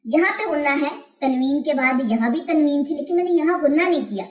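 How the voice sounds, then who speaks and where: A woman's voice: high-pitched, animated, brisk, reverberant. A woman teaching Quran recitation rules, explaining each point step by step and answering her own questions.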